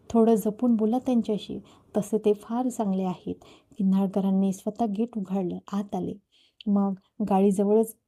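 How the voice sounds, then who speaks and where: A woman's voice: mid-range voice, mellow. A woman storyteller reading a novel aloud in the first person, voicing the dialogue in her own voice with a Marathi accent.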